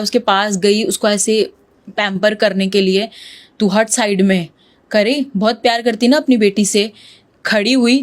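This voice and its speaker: Woman recounting a ghost story. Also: medium pitch. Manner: vivid retelling, mixes English words into Hindi. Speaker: podcast guest. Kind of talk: telling a true ghost story in an interview.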